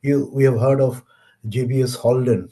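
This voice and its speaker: Indian male lecturer, warm low-key tone, slow and deliberate with fillers. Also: fairly even intonation. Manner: measured, halting with pauses and fillers. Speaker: webinar speaker. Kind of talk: lecture on science history.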